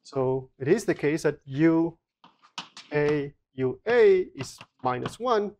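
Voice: medium pitch, animated, takes it slowly, darkish tone, a little hiss or hum. Lecturer working through equations. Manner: explanatory, with frequent restarts and fillers. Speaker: physics lecturer. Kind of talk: university lecture. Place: lecture room.

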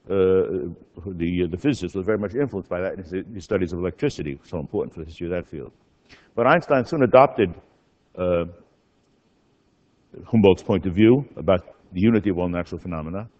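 Low-voiced older male professor, slightly muffled. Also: a little mellow. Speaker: professor, guest lecturer. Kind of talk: public lecture, loosely scripted. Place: speaking at a public lecture event. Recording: slightly dull, muffled lecture recording.

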